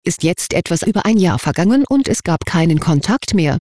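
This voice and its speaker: Matter-of-fact reader narrating a confession, dry close sound, middle pitch. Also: big pitch swings, a little fast, darkish tone, dry recording. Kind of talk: scripted narration.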